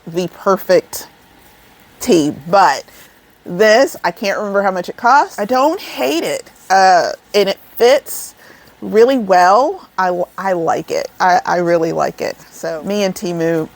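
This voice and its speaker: A crochet vlogger in her forties sits indoors over an air vent, chatting casually and rambling to her viewers, whom she calls y'all. She speaks slowly in a medium-pitched voice.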